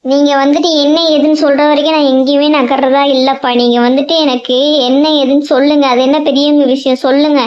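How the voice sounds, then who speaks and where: A woman's voice: high voice, level tone, a little fast, hardly any pauses, lightly acted. A woman voicing a young boy who presses his father with hurt, insistent questions, in a cartoon. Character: young boy Somu, hurt and stubborn son. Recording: dull lo-fi sound.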